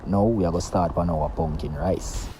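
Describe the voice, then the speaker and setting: A man's voice: low voice, normal speed, dark tone, soft background music. A Jamaican man hosting a casual cooking tutorial, chatty and patois-tinged, talking straight to his viewers. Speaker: cooking show host.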